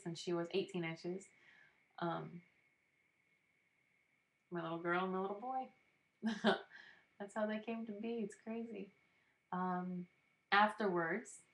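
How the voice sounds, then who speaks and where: A young woman casually telling a personal story, candid and chatty, with frequent ums and small laughs. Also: on the low side. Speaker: vlogger telling her birth story. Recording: echoey room.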